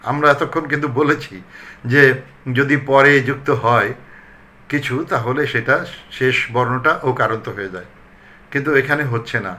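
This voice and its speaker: A recitation trainer from Bangladesh gives a pronunciation lesson, repeating example words slowly and deliberately. His mid-range voice is bright and forceful.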